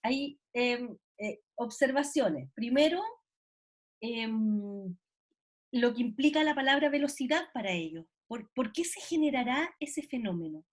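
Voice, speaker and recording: A woman's voice: a little high, animated, measured pace. A woman lecturing an online class, explaining with many fillers and tag questions. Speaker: university lecturer. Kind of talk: online class commentary on a video.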